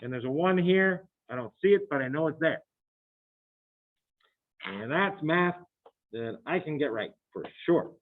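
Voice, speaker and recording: A man's voice: on the high side, expressive, a little slow, long pauses. A man teaching a chemistry class, working problems aloud and quizzing his students in a chatty, thinking-aloud way. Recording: tinny phone-like classroom recording.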